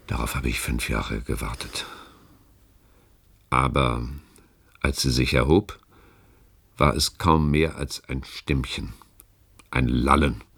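The actor's voice rumbles low yet sounds a bit bright, gravelly and husky, with fairly even intonation and a heavily acted style. He plays a calculating, grave older department chief in a German radio play, persuading through deliberate rhetoric.

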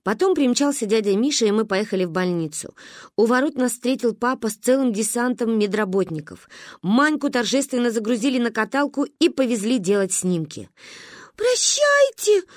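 A woman narrating an audiobook story, her somewhat high voice moving expressively up and down. She sounds close to the mic in a dry, dead space. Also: animated, fairly quick, dry recording.

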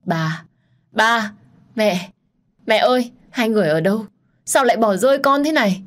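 A woman's voice: lowish voice, unhurried, lightly acted. A woman voicing a frightened young wife who cries and pleads in a nightmare. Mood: sobbing, pleading.

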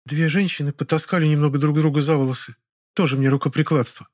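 A man reading an audiobook, voicing a timid, meek older woman who speaks softly and hesitantly. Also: on the high side, fairly even intonation, fast talker, pitched above the performer's own voice, close to an everyday voice. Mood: grumbling. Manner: soft, hesitant.

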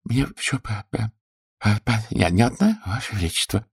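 A man's voice: on the low side, very animated, normal speed, creaky, husky, dry recording, studio quality, pitched above the performer's own voice, exaggerated voice. Man doing a stammering, timid old healer. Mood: frightened stammer. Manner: stammering, hushed and deferential.

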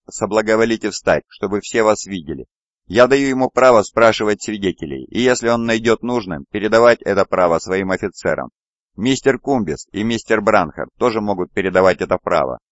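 A man voicing a stern male chief judge who speaks in a measured, official manner. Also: lowish voice, no echo, dull audio, natural voice.

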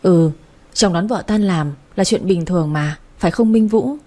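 A woman reading a calm, decisive old grandfather. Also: fairly low pitch, normal speed, lightly acted. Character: kindly authoritative old grandfather. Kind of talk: storybook audio reading.

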